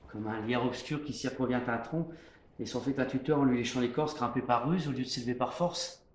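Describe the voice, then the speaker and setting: A man playing a proud, defiant poet-swordsman, declaiming a classical French stage verse monologue in a hammy stage-actor manner that moves between hushed and booming. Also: close to an everyday voice. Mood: scornful, mocking. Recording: roomy echo, faint background noise.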